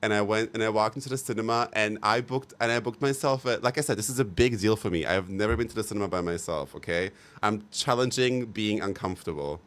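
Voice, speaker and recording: Talking fast with hardly any pauses, a young man addresses his livestream audience in a lowish, fairly bright voice. He's chatty, gushing, and frank, sometimes profane, and leans on lots of fillers and repetition.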